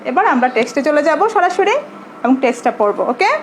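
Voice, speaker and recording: A Bangladeshi woman, a primary school English teacher, giving an online lesson in English and Bengali, slowly repeating words for her pupils. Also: high voice, big pitch swings, slight background noise, poor audio.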